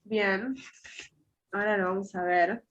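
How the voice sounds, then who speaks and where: A soft-skills trainer with an Argentine Rioplatense Spanish accent runs an online workshop and peppers her audience with questions. Her cold makes her sound nasal and congested, though her medium-pitched voice stays steady, unhurried and fairly bright. The audio itself is dull.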